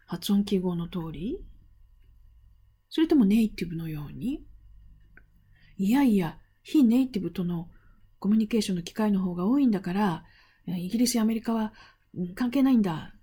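A middle-aged woman giving a relaxed spoken lesson with a slightly husky, warm voice. She talks in a chatty, playful way, tossing out rhetorical questions and slipping into soft breathy asides. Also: medium pitch, brisk. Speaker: interpreting instructor. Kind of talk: casual spoken lesson answering a student question.

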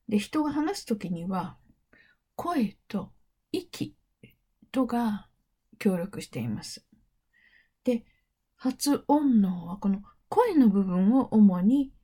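A middle-aged woman who teaches English interpreting gives a calm, unhurried lecture. Her medium-pitched voice is warm and mellow with a husky edge, and at times it drops almost to a whisper.

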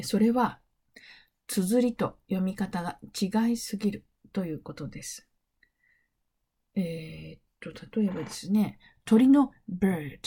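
A middle-aged woman explains things in a calm, unhurried lecture. Her voice is warm and mellow with a husky edge, and now and then she sinks to a near whisper. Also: mid-range voice. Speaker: English interpreting teacher.

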